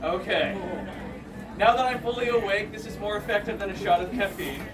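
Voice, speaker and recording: Wry fairground juggler over loud crowd noise. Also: mid-range voice, fast, far from the mic. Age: 30s or older. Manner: wry self-deprecating showman. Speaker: street juggler and comedy performer. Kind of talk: stage comedy patter to a live audience. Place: live show at a Renaissance fair.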